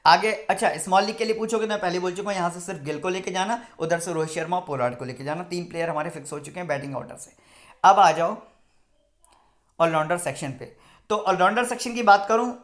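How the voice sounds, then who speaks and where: A man's voice: sits high, quick pace, a bit bright. Man, fantasy cricket tipster, casual chat, addresses viewers directly, instructive, repeats points. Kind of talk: casual chatty prediction video.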